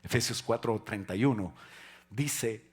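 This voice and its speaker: A male pastor delivering a conversational sermon. He jokes with the congregation and then drives his points home with loud, rising emphasis. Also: on the low side, unhurried, breathy edge.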